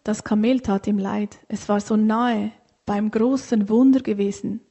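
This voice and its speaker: A woman reading a children's story aloud in a gentle, unhurried way. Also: mid-range voice, fairly even intonation.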